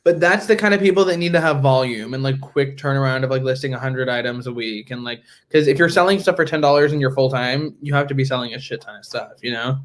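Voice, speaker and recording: Joking, animated man co-hosting a chat. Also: medium pitch, fast, few pauses. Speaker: podcast co-host. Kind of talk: casual chat.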